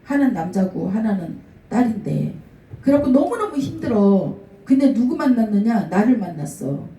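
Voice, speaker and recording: A woman's voice: fairly high pitch, normal speed. A middle-aged woman pastor preaching a sermon, telling stories about people she met and acting out their quoted words. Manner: storytelling with lively acted-out quotes. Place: church sanctuary. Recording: echoey room, mic at a distance.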